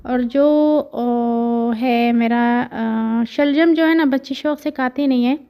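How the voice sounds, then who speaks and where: A woman's voice: a little high, fairly even intonation, slow, mellow, smooth. A woman in her thirties with a Pakistani Urdu accent, chatting casually through her household chores as a family vlogger, rambling with many fillers.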